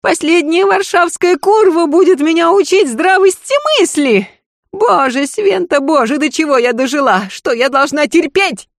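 A woman's voice: normal speed, no room sound, clean studio sound. A woman voicing a proud, bitter, volatile noblewoman who screams and sobs in outbursts. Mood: hysterical. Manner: shrill, screaming, sobbing outbursts.

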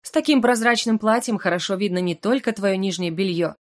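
A woman's voice: mid-range voice, fairly quick, natural voice. Seductive male incubus professor, purring and teasing, for an audiobook; a woman reads him.

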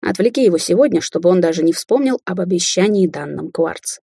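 Woman voicing a scornful young witch daughter, husky, storybook read. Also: fairly low pitch, lively intonation, brisk, dark tone, no echo, studio quality, exaggerated voice. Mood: cold. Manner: sarcastic, taunting. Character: young adult woman sorceress, mocking daughter. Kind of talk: audiobook character voicing.

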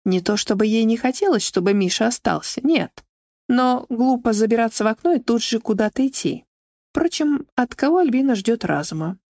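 A woman narrates a novel aloud in an expressive storytelling manner. Her voice sits fairly high. The recording is dry and close, with no room around it. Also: normal speed, no echo. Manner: expressive, shifting into shrill character voices. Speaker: audiobook narrator. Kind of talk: scripted narration.

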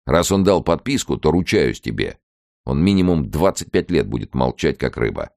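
A man's voice: rumbling low, sing-song, normal speed, gravelly, a little mellow, no room sound, clean studio sound, voice pushed up, heavily acted. A man voicing a blunt, one-armed male police chief in an audiobook, speaking earnestly.

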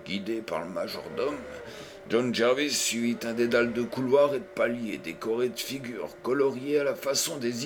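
A man reading a novel aloud as an audiobook, with a measured, dramatic delivery. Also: medium pitch, noisy background. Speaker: audiobook reader. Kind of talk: scripted narration.

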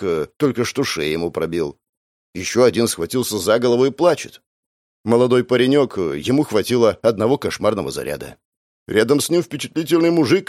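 Man reading an audiobook with lively delivery. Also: mid-range voice, no room sound, studio quality. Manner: voices characters with shouts and whispers. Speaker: audiobook narrator. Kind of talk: dramatized audiobook reading with acted dialogue.

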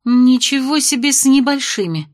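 Woman reading young woman student, anxious, grumbling, higher-pitched voice. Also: animated, moderate pace. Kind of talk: audiobook character reading.

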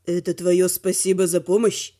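A woman's voice: lowish voice, level tone, moderate pace, mellow, voice pushed down, close to an everyday voice. A woman voicing an arrogant young male dragon in an audiobook, sneering and taunting.

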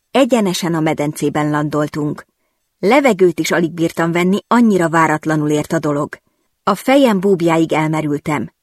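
Woman reading a romance audiobook, slightly low voice, dry close mic, intimate expressive telling. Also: no room sound. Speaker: audiobook narrator. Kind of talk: scripted first-person audiobook narration.

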